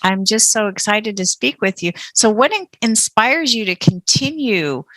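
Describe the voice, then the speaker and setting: A woman hosting an interview, effusive and quick to laugh. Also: medium pitch, animated, rough recording. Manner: warm and effusive, laughs often. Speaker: podcast host. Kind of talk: casual interview.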